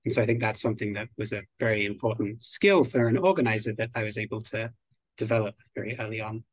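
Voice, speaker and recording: A man from the United Kingdom being interviewed as a guest on a podcast, speaking in a measured, articulate way. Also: fairly low pitch, steady tone, no room sound. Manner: measured, articulate, slow and deliberate. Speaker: guest expert on biodiversity.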